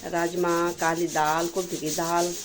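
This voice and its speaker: A middle-aged woman chatting casually to viewers in a home vlog from her kitchen and rooftop, loudly scolding her dog at times. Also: lowish voice, little pitch movement, measured pace, noisy background. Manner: chatty, addresses viewers as friends. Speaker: vlogger.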